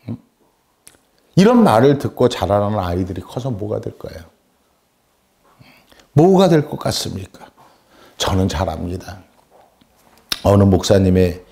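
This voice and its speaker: A man's voice: on the low side, dark tone. A male pastor giving a sermon, emphatic and full of rhetorical questions and short asides to the congregation.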